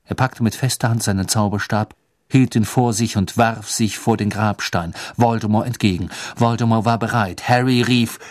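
A man with a low voice reads a storybook aloud as narrator, expressive and dramatic. The sound is dry and close, with no room around it. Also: normal speed, dry recording. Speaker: audiobook narrator.

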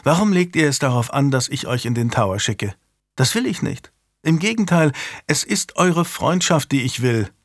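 A man's voice: mid-range voice, animated, moderate pace, no room sound. A man voicing a young male king who is earnest and commanding and presses his questions in a dry studio recording. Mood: pleading.

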